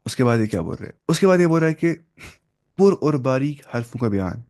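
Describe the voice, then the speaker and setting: A man's voice: medium pitch, big pitch swings, a little mellow. Man teaching recitation rules, drilling a class. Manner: drills students with repeated questions; slows down to spell out terms. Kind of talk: classroom lesson.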